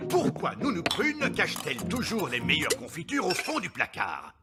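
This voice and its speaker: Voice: medium pitch, wildly swooping pitch, moderate pace, over loud music. An actor voicing a grumbling fairy king and father in a cartoon. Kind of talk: cartoon voice acting.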